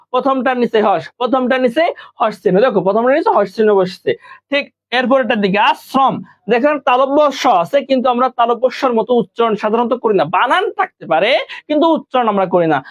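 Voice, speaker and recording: A man from Bangladesh teaching an online class, patiently repeating each point and quizzing his students. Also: very high-pitched. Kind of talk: online live class lesson. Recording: dull lo-fi recording.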